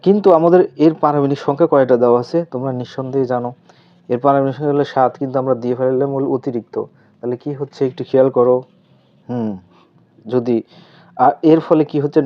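A man teaching a chemistry lesson step by step with a Bangladeshi Bengali accent, asking questions aloud and answering them himself. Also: mid-range voice. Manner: asks questions aloud then answers, repeats terms slowly. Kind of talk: step-by-step tutorial explanation. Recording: slightly dull lo-fi recording.

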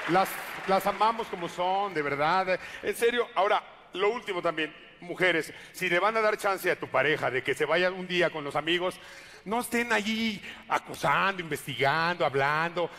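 A man's voice: high voice, pushed and bright, slight background noise. A man with a Mexican Spanish accent doing a stand-up comedy routine, full of crude slang and acted-out quotes.

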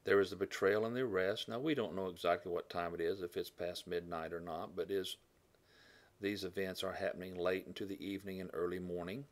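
With a deep voice, fairly even intonation, and a slightly fast pace, a man teaches a Bible lesson classroom-style. He thinks aloud with fillers, corrects himself, and clears his throat often.

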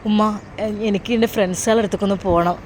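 A shy, polite young man talks quietly and hesitantly, as a woman puts him on. The voice sits lower than her own, with a faint hiss of background noise. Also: steady tone, racing, lightly acted. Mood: subdued. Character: polite, subdued young man, visiting brother.

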